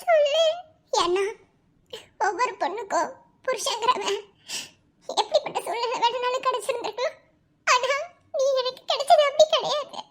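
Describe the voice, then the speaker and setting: A woman's voice: very high voice, normal speed, pauses often, a bit bright. A woman voicing a young cartoon wife who clings to her husband, pleading and sobbing through her words. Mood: tearful pleading. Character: young wife, tearful and clingy, fearing loss. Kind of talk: animated cartoon voice acting.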